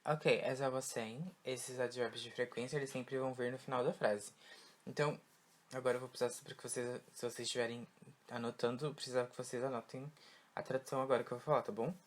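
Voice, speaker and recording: A man with a Brazilian Portuguese accent, a native Portuguese speaker, teaching an online English class and drilling words slowly, checking in with "tá?" after each point. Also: medium pitch, fairly even intonation. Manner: slow, repetitive drilling with frequent "tá?" checks.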